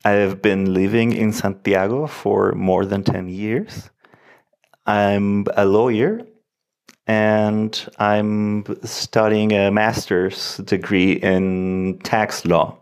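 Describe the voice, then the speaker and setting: A man's voice: fairly low pitch, level tone, slow, clean tone. A young Chilean man whose first language is Spanish, a lawyer answering interview questions in a hesitant, thoughtful way. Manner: hesitant, restarts phrases, thoughtful.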